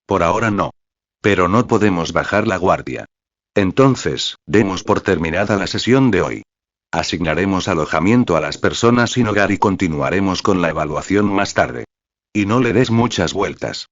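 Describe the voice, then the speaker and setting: A synthetic male voice plays a calm, measured male military commander in a storybook reading. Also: deep voice, no echo. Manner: composed and commanding. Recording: dry, slightly dull lo-fi sound.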